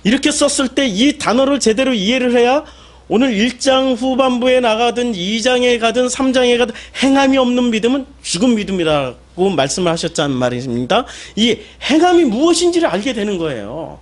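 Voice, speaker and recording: High, lively-voiced male pastor preaching. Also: a little fast. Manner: asks the congregation rhetorical questions and answers them himself; emphatic, with sudden loud exclamations. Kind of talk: sermon.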